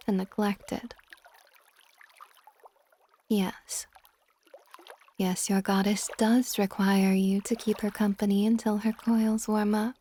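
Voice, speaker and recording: In an intimate ASMR romance roleplay, a woman with a medium-pitched voice plays an ancient water dragon goddess who is possessive but tender. Her soft delivery often slips toward a whisper.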